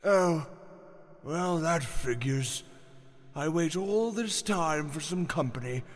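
A man voicing a weary, bitter old male hedgehog with a long gray beard in a fan audio drama, speaking in a drawn-out, tired way that slips into pleading. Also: on the high side, lively intonation, long reverb tail.

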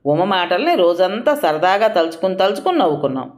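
Expressive female storyteller with lively pitch. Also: fairly quick. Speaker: audio story narrator. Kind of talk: narrating a story.

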